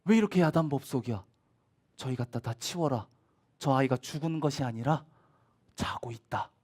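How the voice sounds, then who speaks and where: A man's voice: mid-range voice, moderate pace, a little mellow, natural voice. A man doing Jesus, firm and commanding. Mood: rebuking.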